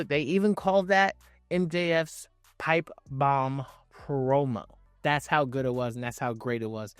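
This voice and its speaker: A man with a slightly high voice hosts a countdown in casual, opinionated style. He leans hard on key phrases, repeating them and using slang for emphasis. The sound is very dry, with faint music underneath. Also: no room sound. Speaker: video host ranking wrestling promos.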